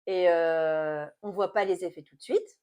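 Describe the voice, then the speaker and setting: A woman in her late forties, chatting casually to camera as a beauty vlogger, animated and stop-start with repeated words. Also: lowish voice, a little slow, clear, resonant tone. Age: late 40s.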